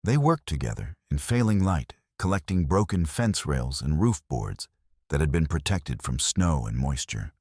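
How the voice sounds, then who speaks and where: A man narrating a scripted frontier story in a measured, even way. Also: a bass voice, breathy edge, dry recording, clean studio sound.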